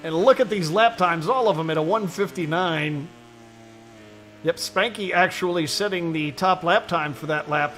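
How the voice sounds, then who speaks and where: Excitable high-voiced male race commentator. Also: soft background music. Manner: excitable, quick to exclaim at incidents. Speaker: play-by-play commentator. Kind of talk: sim racing commentary.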